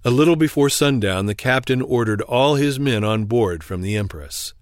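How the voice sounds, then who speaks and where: A man calmly reading an old first-person sea memoir aloud in a measured, formal manner. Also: mid-range voice, no room sound, clean studio sound. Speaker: audiobook reader. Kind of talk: scripted narration of a memoir.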